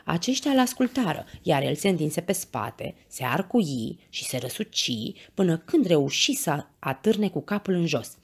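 A woman reading a children's bedtime story aloud, with expressive, animated narration. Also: lowish voice, hardly any pauses, husky.

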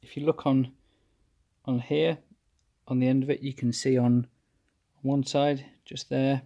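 Working at a cluttered workshop bench, a home mechanic calmly takes listeners step by step through his engine rebuild in a hands-on walkthrough. His mid-range voice comes through with the highs cut off, and he explains things plainly and methodically, pausing mid-phrase.

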